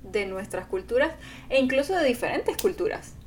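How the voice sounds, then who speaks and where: On a casual couple podcast, a Venezuelan woman with a slightly high voice speaks at a moderate pace. She's earnest and animated and acts out quoted speech, against slight background noise.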